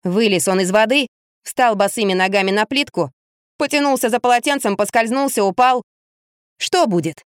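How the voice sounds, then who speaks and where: A woman voicing an excitable, cheeky young boy who shrieks and wails when upset, in an audiobook reading. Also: a little high, normal speed, clean tone, no room sound, studio quality, lightly acted. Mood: curious musing. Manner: shrieking, wailing in outrage. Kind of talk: audiobook character voice.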